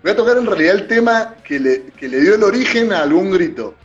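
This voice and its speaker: A man from Mendoza with an Argentine accent, a musician guest in a casual online interview, relaxed and quick to laugh as he tells stories over a video call. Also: high-pitched, dull audio, faint music behind. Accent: Argentine Spanish.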